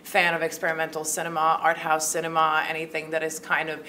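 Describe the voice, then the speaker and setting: Speaking fast in a low, completely flat, pushed and bright voice, this woman from Croatia in her thirties, a filmmaker and actor, chats through an interview full of fillers. The interviewer holds a handheld mic in a small film-festival room, and there's slight background noise.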